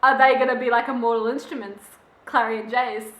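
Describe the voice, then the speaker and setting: A young woman chatting casually about a book she read, animated and opinionated. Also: fairly high pitch, fairly quick. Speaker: book vlogger. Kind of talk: casual book review chat. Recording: echoey room.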